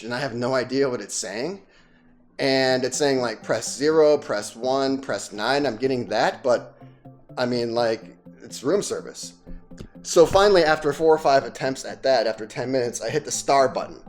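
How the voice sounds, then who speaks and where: Guy doing a travel vlog, chatty and animated, average pitch, little bit of music in the back. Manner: chatty, animated storytelling with fillers. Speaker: travel vlogger. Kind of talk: casual travel vlog narration.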